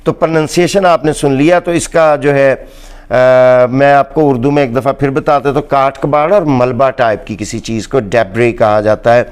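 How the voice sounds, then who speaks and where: A man with a Pakistani accent giving a slow, deliberate English pronunciation lesson, repeating each word for emphasis. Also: medium pitch, darkish tone, smooth. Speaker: English teacher.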